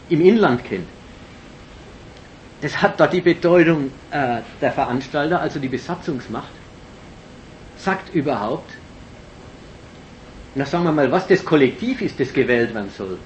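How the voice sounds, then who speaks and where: A medium-pitched man gives a political lecture in an emphatic, analytical manner, full of fillers and restarts. The recording is dull and lo-fi, with a faint hiss.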